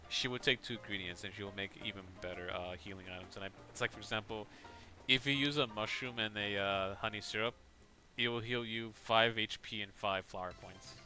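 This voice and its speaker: A man's voice: fairly low pitch, sharp tone. A man streaming a game, casually explaining its mechanics. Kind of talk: casual gameplay commentary.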